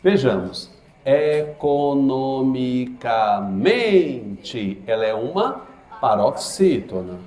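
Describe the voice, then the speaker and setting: A man leads an exam prep grammar class with a lively, swinging voice, putting questions to his students and answering them himself. He talks at an unhurried pace, and the classroom around him rings with echo. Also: on the high side. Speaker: teacher. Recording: echoey classroom.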